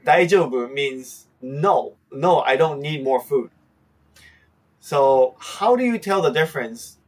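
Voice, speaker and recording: A man's voice: medium pitch, recorded from a distance. Man teaching Japanese, a bit off-mic. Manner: hesitant, many fillers, acts out example lines. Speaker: host teaching Japanese phrases. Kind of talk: casual conversational lesson.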